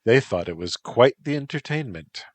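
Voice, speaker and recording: A man's voice: medium pitch, expressive, moderate pace, no echo, voice pushed up, lightly acted. A man voicing a proud, grieving female spirit who rules a household, speaking solemnly, read as a storybook. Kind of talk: storybook narration.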